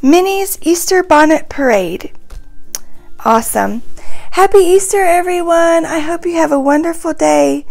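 Young mom reading a kids book out loud, high voice, nice and slow, clear for little ones. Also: female voice, faint music behind. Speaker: children's book reader, mom. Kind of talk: storybook read-aloud.

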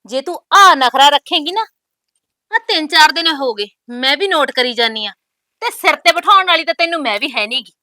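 An actress in a village family drama plays a sharp-tongued, defiant young newly married woman who scolds boldly with proverb-laden retorts. Her female voice is high and bright, expressive and fairly quick. The sound is dry and close, with no echo.

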